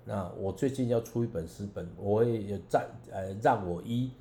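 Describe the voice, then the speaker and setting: A man, a preacher and songwriter giving an earnest, halting personal testimony as a radio guest, with many restarts. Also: on the low side, warm tone, roomy sound, a little hiss or hum.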